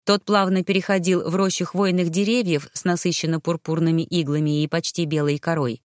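A woman narrating a first-person fantasy audiobook, expressive and lively in the dialogue. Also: fairly low pitch, no echo, studio quality.

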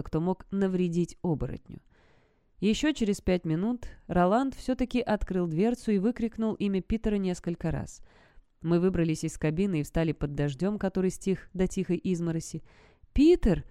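A woman's voice: lowish voice, dark tone, clear, resonant tone, no room sound, studio quality. A woman narrating a first-person audiobook in a tense, suspenseful storytelling manner.

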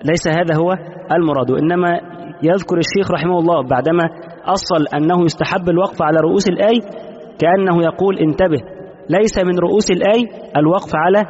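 A man's voice: a little high, a little mellow, slightly rough. A man teaching a classical legal text, reading passages and explaining them in colloquial asides. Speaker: sheikh teaching Islamic law. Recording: dull lo-fi audio with long reverb.

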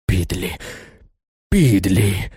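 Man voicing a worked-up old aristocrat, pitch all over the place, pompous and self-pitying, dry close mic. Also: very slow, breathy edge, no echo, exaggerated voice. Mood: indignant. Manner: excitable and theatrical, swinging between indignation and gushing gratitude. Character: agitated aging male aristocrat, proud and pitying himself.

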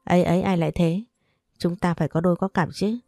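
A woman's voice: fairly low pitch, steady tone, fast, mellow, no echo, faint music behind, close to an everyday voice. A woman voicing a cheeky young man who jokes and boasts in a storybook. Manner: jokey, boastful.

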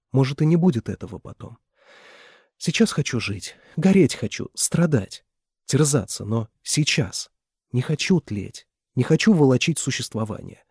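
A man voicing a distraught young woman who shouts and pleads in turn, his voice husky. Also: medium pitch, no room sound, clean studio sound, heavily acted.

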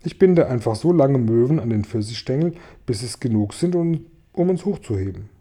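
A man reading a storybook aloud, voicing a calm, earnest young boy in a lifted voice. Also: mid-range voice, moderate pace, slightly rough. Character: young boy, quiet and thoughtful. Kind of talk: audiobook reading.

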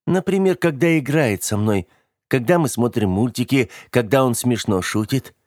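A man voicing a curious, stubborn young girl in an audiobook, with a high piping voice and an earnest, easily indignant manner. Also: animated, normal speed, darkish tone, no room sound, clean studio sound, lightly acted. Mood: childish, earnest. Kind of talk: audiobook character voice.

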